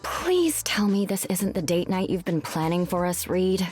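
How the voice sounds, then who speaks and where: A witty superhero mom from a video game. Her voice is on the low side, composed and teasing yet caring, with music behind her. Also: sing-song, moderate pace, darkish tone. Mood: wry, teasing.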